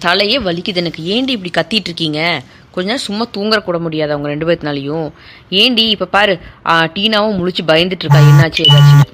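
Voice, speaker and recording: A woman's voice: fairly low pitch, expressive, quick pace, background noise, close to an everyday voice. A woman voicing a nervous girl at a forest camp who scolds her friends for waking her. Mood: scolding.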